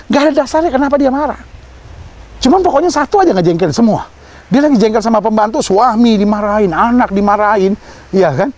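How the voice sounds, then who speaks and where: Male preacher; bright, high-pitched, very expressive delivery, teasing the congregation. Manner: animated, joking asides to the congregation, mock voices. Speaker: pastor. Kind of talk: sermon.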